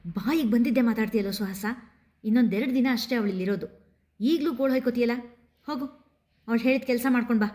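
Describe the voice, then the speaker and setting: A woman's voice: a little high, fast, long pauses, darkish tone, voice pushed up, close to an everyday voice. A woman voicing a stern middle-aged mother who scolds her son with a raised voice. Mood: scolding.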